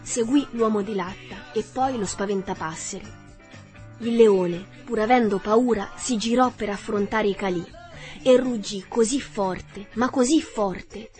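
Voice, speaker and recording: A woman narrating a children's storybook aloud in an expressive, dramatic way. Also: mid-range voice. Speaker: audiobook narrator.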